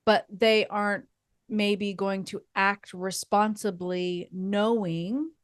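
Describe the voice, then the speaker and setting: Woman podcaster, slow thoughtful rambling talk, dry close sound. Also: mid-range voice, fairly even intonation, no room sound. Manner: thoughtful, meandering, with fillers and soft laughs. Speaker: podcast co-host. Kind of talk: casual faith podcast chat.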